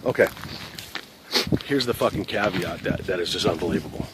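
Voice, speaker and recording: A man's voice: low-pitched, a little fast, very noisy. A middle-aged man, a former police officer, telling a story casually with profanity and a rambling, conversational manner.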